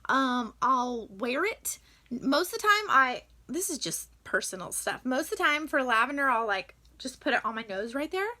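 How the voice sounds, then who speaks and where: A woman's voice: high-pitched, big pitch swings, normal speed, pushed and bright. A young woman chatting casually to the camera, enthusiastic and full of fillers, sharing tips on essential oils.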